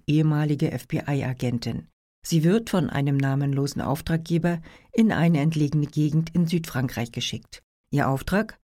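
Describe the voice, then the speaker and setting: A woman presenting books in a calm, informative, scripted narration. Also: deep voice. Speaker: book presenter. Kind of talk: scripted book review narration.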